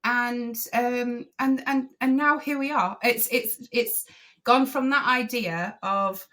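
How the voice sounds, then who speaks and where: A woman guest on a podcast, a driving instructor trainer, telling her story in a casual, animated way and acting out what people said. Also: fairly high pitch, slow pace. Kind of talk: casual interview chat.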